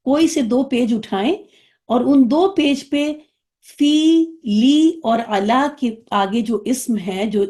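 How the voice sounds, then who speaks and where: Mellow-voiced woman teaching a class. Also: a little high. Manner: patient explaining, checks understanding with the class. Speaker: Arabic teacher. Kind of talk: online class lesson.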